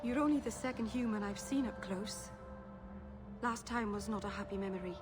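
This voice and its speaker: A woman's voice: medium pitch, moderate pace, over music, close to an everyday voice. An actress playing a shy, earnest young elf woman, a mage who speaks hesitantly and apologetically in video game dialogue. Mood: timid, earnest.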